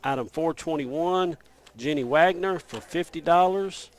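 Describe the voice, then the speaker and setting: A man hosting a local radio auction, reading out winners' names and bid amounts in a steady rapid list. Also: on the high side. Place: radio studio.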